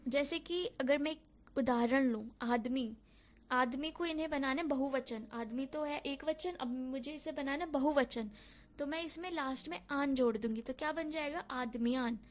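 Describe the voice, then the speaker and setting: Young female tutor, bright high voice, patient explainer who drops in English words. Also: normal speed. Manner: mixes English words into Hindi, checks in with "ok" and "theek hai". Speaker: teacher. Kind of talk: explaining a lesson.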